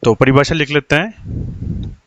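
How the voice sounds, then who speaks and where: A man teaching a grammar lesson, asking questions and answering them himself, slowing down to dictate definitions. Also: on the high side, dry recording, highs cut off. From India. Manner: asks rhetorical questions and answers them himself, slows down while writing on the board.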